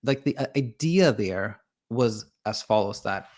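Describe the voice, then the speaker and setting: A sleep coach whose first language is Swedish gives an explanatory monologue, hesitant and full of restarts and fillers, and reads viewer comments aloud. His fairly low voice is expressive, unhurried and a little mellow.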